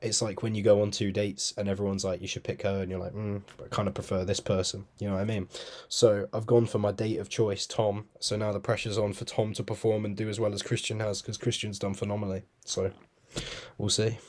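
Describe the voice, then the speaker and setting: A man's voice: fairly low pitch, little pitch movement, fairly quick, darkish tone. A young man co-hosting a podcast, chatting casually and telling stories with plenty of laughs. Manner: laid-back, laughing storyteller. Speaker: podcast co-host. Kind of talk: casual chat.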